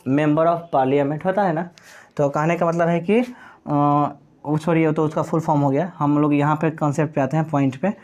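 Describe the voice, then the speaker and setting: The speaker is a man with a fairly high, slightly mellow voice, a steady tone, and normal speed, giving a classroom-style lecture in Hindi on English grammar. He spells words letter by letter and answers his own questions.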